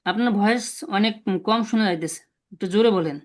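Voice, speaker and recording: A man teaching an online language lesson, patiently repeating sounds slowly for students to copy over a video call. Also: high-pitched.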